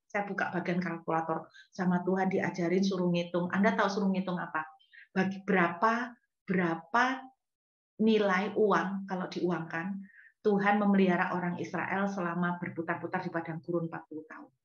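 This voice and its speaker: A young woman pastor delivers a sermon as lively storytelling, acting out little dialogues and laughing along the way. Her voice sits at a middle pitch and comes through a roomy, echoing space. The sound is a bit dull and lo-fi. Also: moderate pace.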